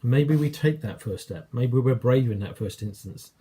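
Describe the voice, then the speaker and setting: A man's voice: mid-range voice, moderate pace, mellow, slightly rough. A man with an English accent preaching a sermon, telling a story in a conversational way and acting out quoted lines.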